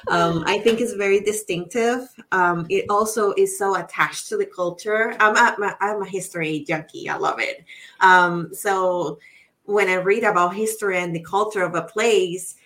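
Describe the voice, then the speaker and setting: Speaking at a normal speed in a mid-range, fairly bright voice, this middle-aged real estate professional from Puerto Rico appears as a podcast guest. In the casual interview she replies in a reflective, earnest manner with a Spanish accent, frequently hunting for the right words.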